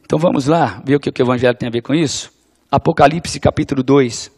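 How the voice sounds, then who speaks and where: A man's voice: mid-range voice, fast talker, a little mellow, breathy edge. A man from Brazil giving a reflective, conversational gospel talk with a wry sense of humor. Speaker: preacher.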